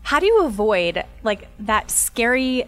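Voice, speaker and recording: A woman's voice: on the high side, sing-song, measured pace, a bit bright. A woman co-hosting a podcast, chatting casually and tossing in playful asides. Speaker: podcast co-host. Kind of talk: casual chat.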